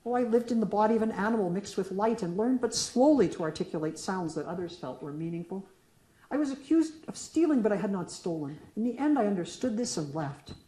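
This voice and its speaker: At a poetry reading in a lecture room, this middle-aged poet alternates her question-and-answer poem with offhand remarks between pieces, and the room echoes. She sounds expressive and a little fast, medium-pitched with a dark tone.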